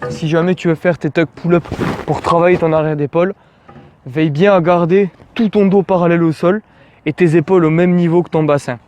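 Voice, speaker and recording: A man from France teaches a pulling exercise in relaxed, informal speech, throwing in little jokes. His voice sits a bit high. Faint city traffic hums in the background. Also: fairly quick. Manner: informal, addresses viewer as tu, jokey asides. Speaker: calisthenics coach. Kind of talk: casual outdoor workout tutorial.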